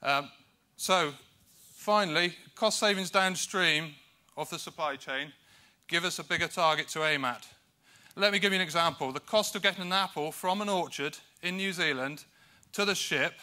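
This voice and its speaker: A man's voice: on the high side, moderate pace, bright, forceful tone. A man from the United Kingdom giving a conference presentation, with dry, self-deprecating humour and hesitant fillers between points. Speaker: conference speaker.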